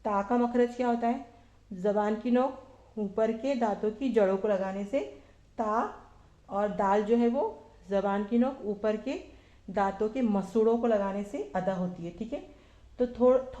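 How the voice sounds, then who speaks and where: A woman teaching Arabic verb forms to a class of women, asking questions and answering them herself, repeating each form slowly. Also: a little high, mellow, echoey room, dull audio. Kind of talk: slow classroom lesson.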